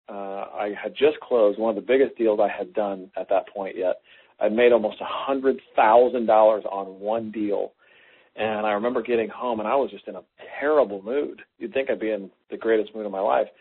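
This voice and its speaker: A man co-hosting a talk, teaching through an animated personal story and acting out quoted lines. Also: on the low side, breathy edge. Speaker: co-host. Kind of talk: conversational teaching. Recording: phone-like lo-fi line.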